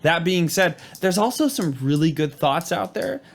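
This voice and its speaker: A man co-hosting an audio podcast, a live sound engineer talking in a lively, joking way with lots of fillers. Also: a little high, normal speed, creaky. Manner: animated, jokey, many "like" fillers. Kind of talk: casual chat.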